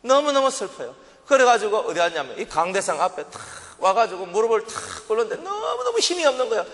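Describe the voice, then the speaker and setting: High, lively Gyeongsang preacher in a hall. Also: male voice, a little fast. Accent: Gyeongsang Korean. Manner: dramatic storytelling, acts out his own past prayers and crying. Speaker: pastor. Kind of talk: sermon with vivid personal testimony. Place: church sanctuary. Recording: long reverb of a church hall.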